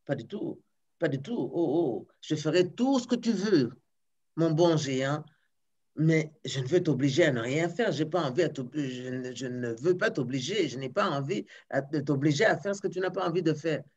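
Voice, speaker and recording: Une conteuse qui joue un pêcheur humble et craintif, qui bafouille et s'excuse. Il parle avec hésitation, en cherchant ses mots. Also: female voice, deep voice, expressive, moderate pace, darkish tone, breathy edge, highs cut off. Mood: timid. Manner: hesitant, stammering, apologetic. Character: timid, humble male fisherman.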